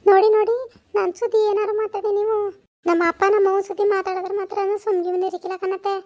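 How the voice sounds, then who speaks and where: Woman doing a feisty village daughter-in-law, high voice, talks back, comedy skit. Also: flat delivery, a little fast, highs cut off. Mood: arguing. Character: defiant young daughter-in-law, quick to argue.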